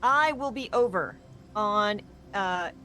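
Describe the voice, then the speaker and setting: A woman's voice: medium pitch, animated, takes it slowly, pushed and bright, slight background noise. Chatty woman host signing off a stream. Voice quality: chatty, upbeat sign-offs. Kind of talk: casual stream chat.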